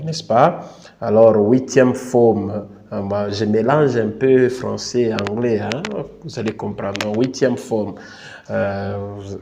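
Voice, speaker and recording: A man with a Congolese French accent explains a lesson plan step by step, slowly and with a dark, mellow voice. He repeats himself often and checks in with "n'est-ce pas". He modestly admits he does not speak the language he is teaching about. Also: lowish voice. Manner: slow and repetitive, tags phrases with "n'est-ce pas"; self-deprecating, apologises for his English. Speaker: teacher and online tutor. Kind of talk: instructional screen tutorial.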